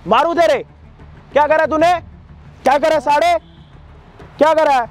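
A man's voice: very high voice, a little slow. A young man, angrily interrogating and threatening someone over and over in a staged confrontation video. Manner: aggressive, repetitive interrogation. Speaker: confronting vigilante.

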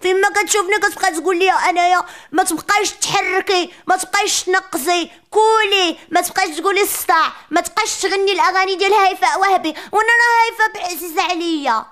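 A woman voicing a chatty, sassy little preschool girl with a Moroccan accent, ranting in a comic monologue. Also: fairly bright tone. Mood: complaining. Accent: Moroccan Arabic. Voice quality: childish high voice, rapid rants.

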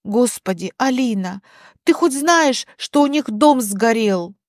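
A woman's voice: on the high side, lively intonation, takes it slowly, darkish tone, no room sound, clean studio sound. A woman voicing a weary, apologetic young husband in a spoken story.

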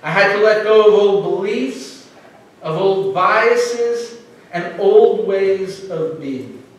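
Middle-aged male minister, higher voice, earnest conversational sermon, echoey sanctuary, distant mic. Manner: earnest, conversational preaching with pauses and slow emphasis. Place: church sanctuary.

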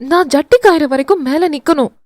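A woman voicing an anxious, dramatic young wife who wails and scolds in a shrill voice. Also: fairly quick, no echo, natural voice. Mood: wailing, indignant. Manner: shrill and wailing.

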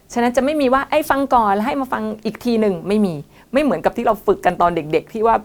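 A woman tutoring for an English exam online, explaining in a lively teaching manner and mixing English terms into her speech. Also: medium pitch. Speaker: IELTS tutor. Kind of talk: online exam-prep lesson.

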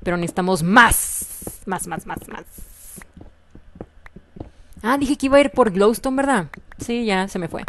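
A woman's voice: on the high side, normal speed, slight background noise. Chatty woman with a Mexican Spanish accent. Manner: chatty, excitable, repeats herself, frequent laughs. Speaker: gaming video host. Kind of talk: casual gameplay commentary.

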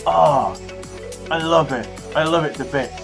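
A man vlogging in an excited, gushing way, his voice muffled through a costume head. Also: on the high side, a little slow, creaky, music in the background. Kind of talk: excited unboxing vlog.

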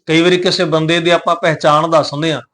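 Man, Punjabi accent, slightly raised pitch; patient recitation teacher who stretches out the verses. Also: flat delivery, a bit bright. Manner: measured, draws out recited verses slowly. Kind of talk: slow instructional recitation lesson.

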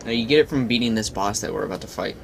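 A man's voice: on the low side, racing, vocal fry, fairly bright tone, slight background noise. A young man chatting casually and joking while playing a video game, laughing often. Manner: goofy, jokey, laughs often. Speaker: let's play gamer. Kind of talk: casual gameplay commentary.

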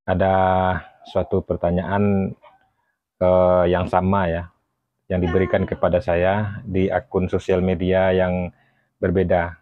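A man, a painter giving a casual tutorial, relaxed and chatty with many fillers and self-corrections. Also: low voice, slow, pauses often, no echo. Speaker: painter explaining how to price artwork. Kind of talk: casual talking-head tutorial. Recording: dry, dull lo-fi sound.

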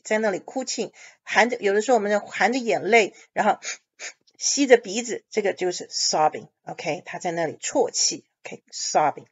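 Woman English teacher, patient explainer, mid-pitched voice, muffled lo-fi sound. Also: slightly rough. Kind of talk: explaining a reading lesson. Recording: dull lo-fi audio.

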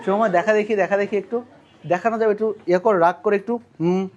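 A man's voice: high-pitched, steady tone, quick pace, darkish tone, lo-fi sound. A young man with a Bangladeshi Bengali accent teaching a biology class, repeating key terms, quizzing his students and laughing now and then. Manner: often laughs while explaining. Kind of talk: lively classroom lecture.

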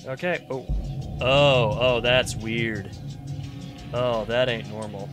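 A man's voice: medium pitch, slow. A man giving casual, joking let's-play commentary while he plays an old game. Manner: jokey, lively, quips at the game. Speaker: gaming host. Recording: game music behind.

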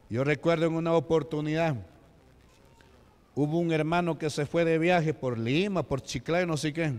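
A man with a Peruvian Spanish accent, a deacon preaching a Pentecostal sermon in a church and asking the congregation questions. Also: fairly high pitch. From Peru. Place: church sanctuary. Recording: long hall reverb.

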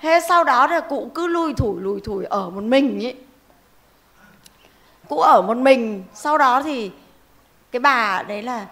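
A middle-aged woman with a fairly high voice tells cases to an audience of elders in a homely, rhetorical style. She keeps pausing to ask her listeners to agree with her before going on. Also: a bit bright. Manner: folksy, rhetorical, keeps asking the audience "right?". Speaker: legal advice speaker at a club talk. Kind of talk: storytelling talk to an older audience.

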